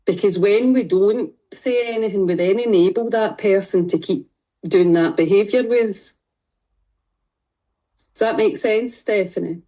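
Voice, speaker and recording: A woman's voice: medium pitch, unhurried, mellow. A woman with a Scottish accent coaching a group on a video call, speaking directly and reassuringly as she guides exercises. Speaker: fitness and mindset coach.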